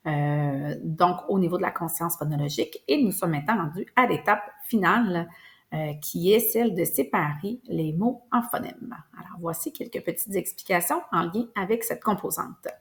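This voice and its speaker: Woman, preschool teacher, slightly low pitch, patient lesson talk with fillers. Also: moderate pace. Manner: patient, careful, many fillers. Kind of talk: explanatory lesson.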